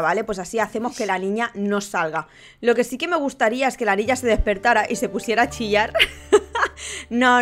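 A young woman speaking talks her audience through her game. She gushes and exclaims at every little detail, in a bright, high-pitched voice. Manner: excitable, gushing exclamations. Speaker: gaming youtuber. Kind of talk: casual gameplay commentary.

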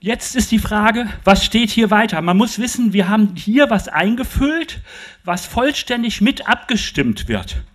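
An older man lectures with a high, lively voice that swings up and down as he drives home his points. He speaks into a handheld mic on a stage in a large festival tent and keeps checking that the audience follows him. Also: unhurried. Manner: emphatic, animated, addresses audience with rhetorical questions. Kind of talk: public talk.

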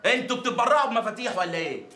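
An actor playing a bossy, threatening police officer in a sitcom, with an Egyptian Arabic accent. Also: male voice, very high voice, expressive, very fast, pushed and bright, echoey room, soft background music, heavily acted. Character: brash male police officer.

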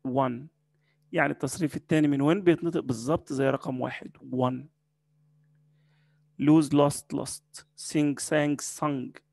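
A man with an Egyptian Arabic accent teaching an English vocabulary lesson, saying each word slowly and repeating it several times. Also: a little high, darkish tone, no room sound.

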